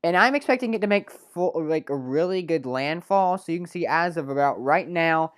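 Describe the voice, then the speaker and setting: A woman's voice: sits low, lively intonation, normal speed. A woman presenting a live weather segment in a small local TV studio, talking off the cuff with many fillers and self-corrections.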